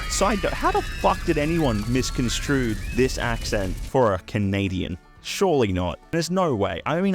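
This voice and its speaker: A man in his twenties, from the UK and raised in Australia, chatting in a crude, sarcastic comedic vlog. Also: lowish voice. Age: 20s. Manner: crude, sarcastic, swears freely. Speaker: YouTuber.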